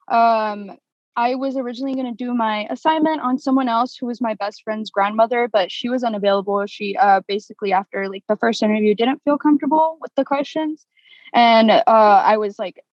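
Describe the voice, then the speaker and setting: A young woman presents a class project, her voice sitting a little high. She talks loosely, with frequent fillers and self-corrections. The audio is dry and somewhat muffled, as if heard over a video call. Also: no echo. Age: young adult. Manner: casual, many fillers and restarts. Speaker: political science student presenting.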